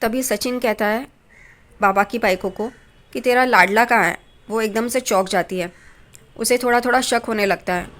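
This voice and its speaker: A woman's voice: fairly high pitch, normal speed. A woman casually retelling a TV serial episode, speaking in plain storytelling with small restarts and reading lines of dialogue aloud. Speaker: TV serial recap narrator. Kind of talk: casual spoken episode recap.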